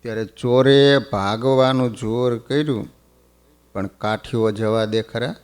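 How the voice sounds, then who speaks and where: A man narrating a devotional life story in a slow, deliberate, reverent way. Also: mid-range voice, a little mellow, clear, resonant tone. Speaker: religious storyteller.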